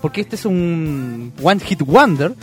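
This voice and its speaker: A young man with a Chilean accent, co-hosting a casual radio music chat, relaxed and agreeable. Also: on the high side. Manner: relaxed, agreeable, quick interjections. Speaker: radio co-host. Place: radio studio.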